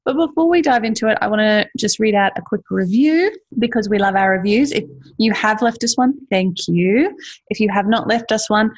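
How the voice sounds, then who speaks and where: Female podcast host, broad Ocker Australian accent, husky voice, chatty and informal, casual conversational read. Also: medium pitch, animated. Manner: chatty, informal, quick to laugh.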